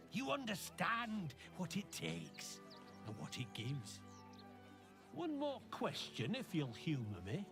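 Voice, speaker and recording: A gruff weapon dealer. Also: male voice, on the high side, full character voice. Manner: curt, swearing, suspicious. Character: brusque male weapon seller with a temper. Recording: game audio over faint music.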